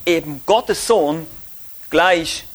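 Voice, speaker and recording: A man preaching a Bible teaching with a Swiss German accent, speaking emphatically with rising stresses and low drops. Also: very slow. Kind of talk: sermon-style Bible teaching.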